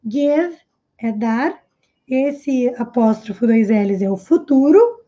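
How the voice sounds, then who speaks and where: A Portuguese-speaking woman teaching English in a live lesson, explaining phrases and repeating them slowly. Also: on the high side, expressive, dark tone, lo-fi sound.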